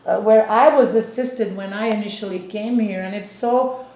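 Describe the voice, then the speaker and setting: A woman's voice: mid-range voice, normal speed, dark tone. A woman in her fifties from Belgium, a real estate agent interviewing clients in a casual chat, explaining at length with many restarts. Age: 50s. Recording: echoey room.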